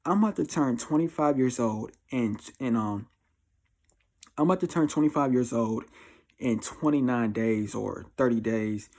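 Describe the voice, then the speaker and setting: A mid-range, dark-toned male voice at a moderate pace belongs to a twenty-four-year-old American vlogger. He's giving life advice in a casual confessional monologue to camera. Expect slang, blunt emphasis and frequent repetition of phrases.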